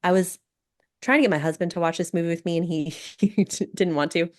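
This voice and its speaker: A woman hosting a casual podcast chat, soft-spoken and laughing often, her voice a little scratchy from being sick. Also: lowish voice, brisk. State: recovering from illness, scratchy voice. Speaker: podcast host.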